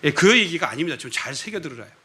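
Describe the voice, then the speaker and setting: A man's voice: a little high, sing-song, rapid-fire, bright, forceful tone, husky. A man preaching a sermon at a church worship service as its pastor, talking animatedly and prodding the congregation with frequent rhetorical questions.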